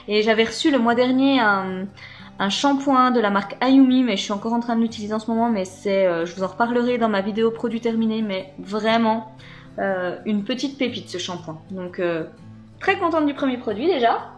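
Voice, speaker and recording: A woman talks casually through a beauty box unboxing, full of little hesitations. Her voice sits a touch high, and soft music plays faintly underneath. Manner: chatty, hesitant, many fillers. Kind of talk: casual unboxing chat to camera.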